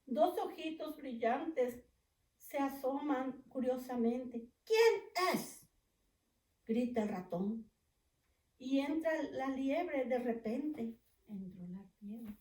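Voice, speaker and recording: A woman preschool teacher reads a picture book aloud, slow and gentle, with a somewhat high voice. She pauses to ask the children questions. The recording is echoey, with the mic set far back. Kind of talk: children's storybook read-aloud.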